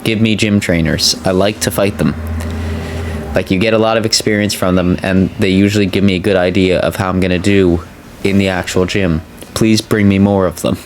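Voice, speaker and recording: Low-voiced gamer guy, sore mouth after dental work. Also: steady tone, moderate pace, slight background noise. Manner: talking carefully with a sore mouth after wisdom tooth removal. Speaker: video game let's player. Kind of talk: casual gameplay commentary. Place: indoor voice-over recording.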